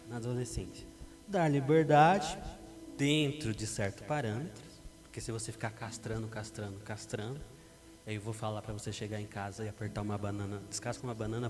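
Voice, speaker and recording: A middle-aged Brazilian man preaching a sermon as pastor, lively and acting out parents and teens in a church hall. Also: mid-range voice. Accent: Brazilian Portuguese. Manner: animated, acts out parents and teens. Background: background music.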